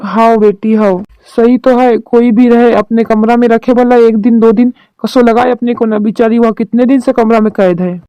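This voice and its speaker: A woman's voice: fairly high pitch, fairly even intonation, moderate pace, mellow, smooth, dry recording, highs cut off, natural voice. A woman voicing a worried rural mother-in-law in a cartoon drama, talking in a homely village dialect. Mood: earnest.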